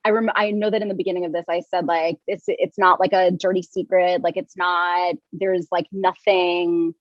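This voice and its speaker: A woman's voice: on the low side, little pitch movement, normal speed, no room sound. Young woman guest rambling, lots of likes and restarts, muffled dry sound. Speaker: podcast guest, yoga teacher and coach. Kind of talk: casual interview chat.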